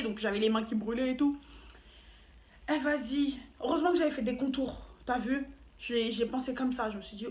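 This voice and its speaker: A woman telling a story to camera in a casual, animated and slangy way, with playful asides. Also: high-pitched. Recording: roomy echo, faint noise.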